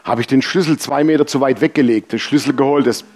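A man preaching a sermon, telling lively personal stories and acting out the dialogue. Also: mid-range voice, fast talker. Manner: lively storytelling, acts out dialogue. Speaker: pastor.

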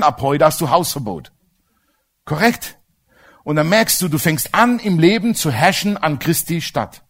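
A man's voice: high voice, a bit bright. A man preaching a sermon with emphasis and humorous asides, often asking the congregation for agreement.

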